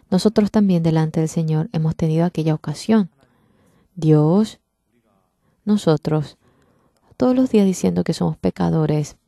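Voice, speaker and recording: A woman with a low, gravelly voice delivers a sermon in interpretation. Her tone is dark and mellow, and she keeps putting rhetorical questions to the congregation. The sound is dry and close. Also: no room sound.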